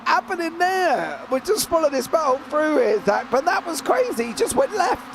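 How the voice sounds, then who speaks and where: A British man calls a motor race live in a very high, sing-song voice over a noisy background. As lead commentator he teases his co-host in easygoing, chatty banter and rattles off the grid positions briskly.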